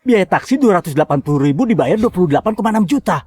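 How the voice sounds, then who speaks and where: A man's voice: sits high, expressive, racing, darkish tone, husky, dry recording. A man playing an honest, flustered taxi driver in a melodramatic short drama. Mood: earnest, surprised.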